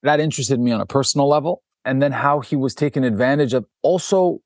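A man's voice: mid-range voice, quick pace, no room sound. Man telling a story in a dry, close room. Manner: animated anecdotes with many restarts and acted quotes. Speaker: documentary director, guest. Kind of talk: conversational storytelling interview.

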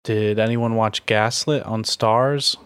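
A man's voice: lowish voice, steady tone, slow pace, very noisy. A man hosting a podcast, asking questions and narrating scripted segments in a conversational, inquisitive manner. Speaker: podcast host.

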